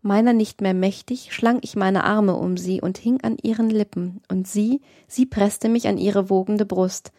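A woman narrating a classic novel as an audiobook, expressive and theatrical. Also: mid-range voice, unhurried, hardly any pauses, no room sound, studio quality. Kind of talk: scripted literary audiobook reading.

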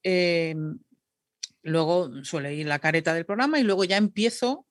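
A radio announcer and podcaster, appearing as a guest, chats casually in an interview, laughing at herself in a self-deprecating way. Her voice is lowish at normal speed, recorded in studio quality with no room sound.

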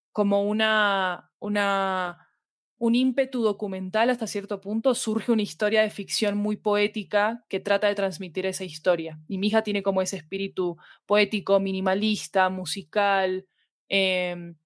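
Interviewed as a guest, a woman who produces podcast fiction talks about her work in a conversational, reflective way, searching for the precise words. Her medium-pitched voice is captured in clean studio sound with no echo.

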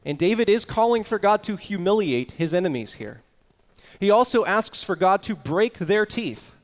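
A man's voice: sits high, lively intonation, normal speed. Earnest man preaching a sermon. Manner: earnest, explanatory preaching with rising emphasis. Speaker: pastor.

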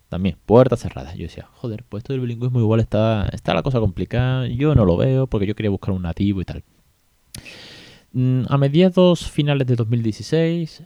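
A man's voice: lowish voice, warm tone, dry recording, dull audio. A man, hosting a casual podcast and telling a story with chatty asides. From Spain. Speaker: podcast host.

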